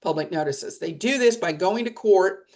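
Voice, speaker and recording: A woman's voice: on the low side, expressive, moderate pace, darkish tone. A middle-aged woman leading a press association, talking bluntly and emphatically in a webinar discussion over a video call. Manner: blunt, plain-spoken, emphatic.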